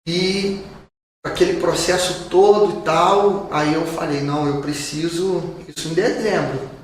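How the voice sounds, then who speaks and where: A man's voice: a little high, fairly even intonation, measured pace. Man with Brazilian accent in echoey room. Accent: Brazilian Portuguese. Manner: earnest storytelling, repeats phrases for emphasis. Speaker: pastor. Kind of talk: personal testimony in a podcast conversation. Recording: very echoey room, distant mic, faint noise.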